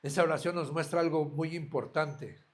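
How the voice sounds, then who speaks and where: A man's voice: fairly high pitch, moderate pace. A man preaching a sermon as a pastor, earnest, asking his listeners direct questions.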